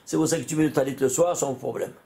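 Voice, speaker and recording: High-voiced rabbi, exclamatory and questioning. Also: male voice, fairly even intonation, fast, creaky, dark tone. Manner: exclamatory, asks listeners questions often. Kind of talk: animated Torah lesson.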